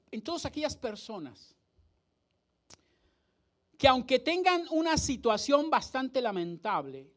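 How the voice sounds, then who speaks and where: A man preaching a sermon as pastor, acting out scenes and asking rhetorical questions. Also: very high-pitched. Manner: dramatic, acts out the crowd and the blind man's cries, rhetorical questions. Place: church hall.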